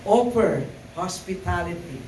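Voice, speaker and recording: Heard from afar in a reverberant sanctuary with slight hiss or hum, a man gives a sermon in a high, expressive, somewhat mellow voice, speaking a little slowly. Hesitant and filler-heavy at first, he climbs toward emphatic, repeated lines.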